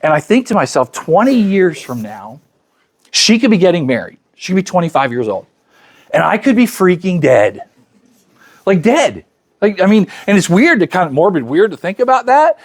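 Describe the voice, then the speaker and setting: Man, 50s, slightly high voice, chatty motivational speaker addressing a live audience. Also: sing-song, normal speed. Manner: conversational, acts out quoted dialogue; chatty, speaks directly to the crowd. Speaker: luncheon speaker.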